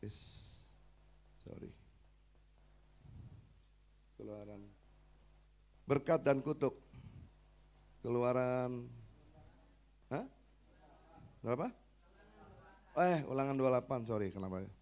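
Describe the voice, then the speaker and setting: A male pastor preaching a sermon and giving a personal testimony, earnest, moving from soft talk to loud, fervent preaching. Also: medium pitch, lively intonation, takes it slowly, long pauses. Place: church service.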